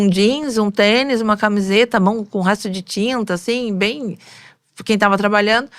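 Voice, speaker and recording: In an interview, a makeup artist and hairstylist with a slightly high voice tells animated stories from her work, acting out the voices of the people involved. The audio is studio quality with no echo.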